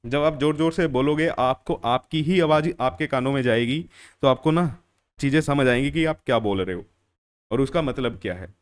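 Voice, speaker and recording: Questioning male chemistry teacher, clear voice. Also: medium pitch, moderate pace. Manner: asks questions and answers them himself, repeats key phrases; calls students "beta" and "bhaiya". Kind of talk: classroom lecture.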